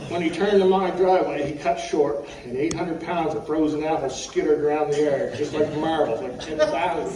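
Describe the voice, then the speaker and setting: A man's voice: on the high side, steady tone, normal speed, hardly any pauses, a crowd in the background. A middle-aged or older man reading a personal eulogy from notes, telling humorous anecdotes in a wry, folksy way. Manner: wry, folksy storytelling, often clearing the throat. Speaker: eulogist at a funeral. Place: echoey room at a funeral service. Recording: roomy, distant mic with faint background noise.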